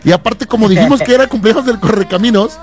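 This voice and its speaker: A man's voice: high-pitched, fast. A young man with a Mexican accent hosting a radio show, joking and bantering in slangy back-and-forth. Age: young adult. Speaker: radio host.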